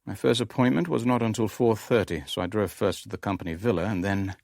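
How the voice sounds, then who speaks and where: An actor plays a worldly, wry Levantine businessman who serves as both narrator and lead character of a radio drama, delivering first-person narration and dialogue in a dry, clipped, matter-of-fact way. His voice is on the low side, gravelly and darkish, he talks fast, and there is no echo.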